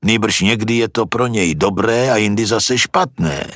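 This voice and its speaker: Patient old philosopher, read by a man, husky and low, probing questions in a storybook. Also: fairly bright tone, dry recording, clean studio sound. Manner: questioning, reasoning.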